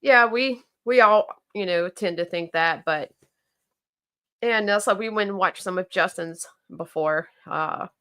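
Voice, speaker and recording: A woman's voice: on the low side, a little slow, a bit bright. A woman with a Southern accent, co-hosting a casual livestream and chatting about viewer comments with plenty of fillers and restarts. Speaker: co-host of a knife company livestream.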